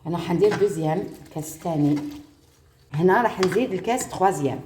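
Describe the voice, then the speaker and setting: A woman's voice: lowish voice, racing, reverberant, background noise. A woman with an Algerian Arabic accent, chatting with viewers as she cooks at home and mixing French words into her talk. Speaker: cooking vlogger. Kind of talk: casual cooking tutorial.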